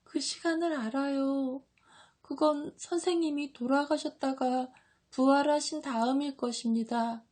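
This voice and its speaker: A woman's voice: high voice, fairly even intonation, unhurried, darkish tone, voice pushed up. A woman voicing a weeping young disciple, John. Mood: tearful. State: crying. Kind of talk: audiobook reading.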